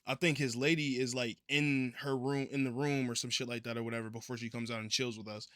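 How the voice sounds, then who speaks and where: A man's voice: mid-range voice, flat delivery, fast, a bit bright, dry recording, clean studio sound. A young man telling a story in a casual, laid-back way, full of profane slang.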